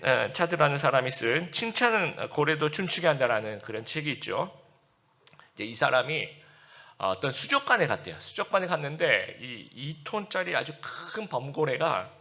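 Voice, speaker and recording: A male pastor delivering a Sunday sermon in a conversational, explanatory way. His voice sits a little high and bright, and his pitch rises and falls widely. He turns to the congregation with quick asides and acts out the words of the people in the passages he reads. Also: sing-song.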